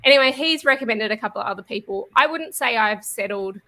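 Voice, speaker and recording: Bright-voiced chatty woman. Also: fairly high pitch, lively intonation, fast talker. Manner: chatty, many fillers. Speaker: web designer and developer. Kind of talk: casual panel chat.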